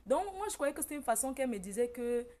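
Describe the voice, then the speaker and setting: A woman's voice: sits high, very animated, quick pace, dark tone. A woman from Cameroon, telling a personal story in a casual monologue to camera and quoting her relatives emphatically. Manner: emphatic, tells the story by quoting family members, often breaks into laughter. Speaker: vlogger.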